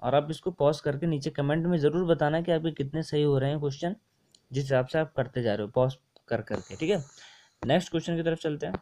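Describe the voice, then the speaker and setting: A man's voice: fairly high pitch, fast, warm tone. Chatty young male exam tutor. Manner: chatty and repetitive, mixing English words into Hindi, often saying ठीक है. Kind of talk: casual screen-share lesson explaining test answers.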